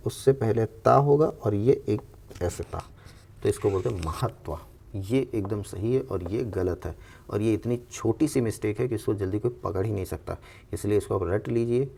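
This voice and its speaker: Low gravelly guy teaching spelling for exams, repeats every word slowly, bit of noise behind. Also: mellow. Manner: explains step by step, repeats each word slowly. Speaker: Hindi exam coach. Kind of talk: spelling lesson for exam aspirants.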